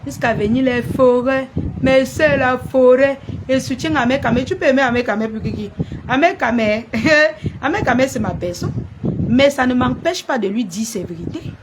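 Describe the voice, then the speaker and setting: A woman blogger speaks on a live stream, scolding and confronting a rival in repeated, insistent phrases. Her voice sits slightly high. Clear noise hums behind her throughout. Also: moderate pace. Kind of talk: live-stream rant to viewers. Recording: noisy background.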